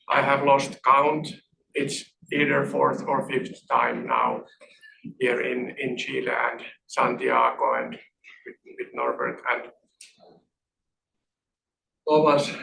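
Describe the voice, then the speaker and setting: A middle-aged man from northern Finland lectures at a seminar, his voice gravelly and bright. He talks haltingly, restarting his words. The sound is echoey and distant, picked up across a lecture room. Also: mid-range voice, a little hiss or hum. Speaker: guest lecturer. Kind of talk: academic seminar talk. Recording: echoey hall from far off.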